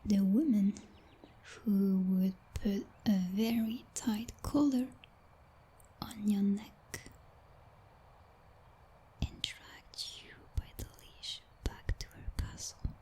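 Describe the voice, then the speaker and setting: A woman plays a female vampire knight in an ASMR roleplay, whispering very breathily at a medium pitch. Possessive and coldly domineering, she speaks slowly with formal, teasing condescension, her mellow, dark tone carrying a quiet, menacing threat.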